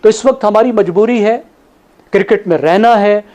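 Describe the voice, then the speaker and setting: A man on a TV panel, laying out his analysis point by point in a measured way. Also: sits high, darkish tone. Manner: measured, listing points in order.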